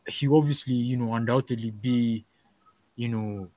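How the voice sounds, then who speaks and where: A man with a mid-range voice giving his football opinions in a halting way. He keeps restarting his sentences and leans on filler phrases as he thinks aloud. His tone stays casual and conversational throughout. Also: mid-range voice, steady tone, mellow, low-quality recording. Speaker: podcast co-host.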